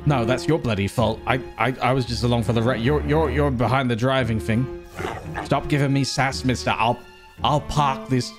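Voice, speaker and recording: Joking gamer over game music. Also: male voice, steady tone, normal speed. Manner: joking, talks to himself, sudden high yelps. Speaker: gaming streamer. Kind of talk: playful game commentary with silly voices.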